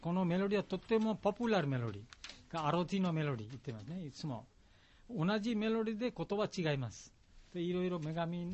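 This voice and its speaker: Man explaining a chant in halting Japanese. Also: a little high, a little mellow. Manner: simple, halting Japanese with patient word-by-word explanations. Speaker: chant teacher. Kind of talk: explaining a devotional song to a class. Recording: dull lo-fi recording.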